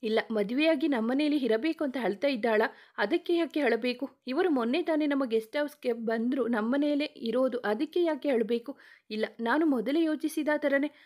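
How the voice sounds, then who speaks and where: A man's voice: very high voice, moderate pace, a little mellow. A woman voicing an anxious young groom, questioning himself in a fretful inner voice. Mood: worried. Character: anxious young male groom, soft-spoken.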